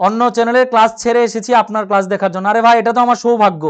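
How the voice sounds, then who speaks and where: A man's voice: sits high, steady tone, racing. A man teaching a live online grammar class, repeating each point and checking that everyone understood. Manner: reads out and answers viewer comments, repeats points, asks if clear.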